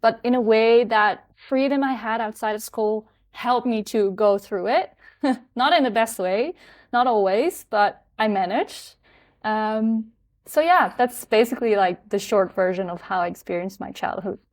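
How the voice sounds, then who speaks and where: A woman from the Netherlands in her thirties, a guest in an interview, talking reflectively with fillers and soft laughs. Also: on the high side, unhurried. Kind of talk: conversational interview.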